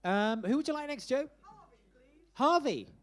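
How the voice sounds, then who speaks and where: A man's voice: very high voice, lively intonation, normal speed. A man hosting a live musical theatre showcase in a small club, chatty and teasing with the performers. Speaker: host.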